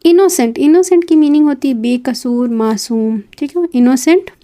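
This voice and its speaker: A woman's voice: high-pitched, normal speed, mellow. A woman teaching English vocabulary, spelling words letter by letter and repeating each meaning. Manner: adds short fillers and checks between words. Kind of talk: vocabulary lesson.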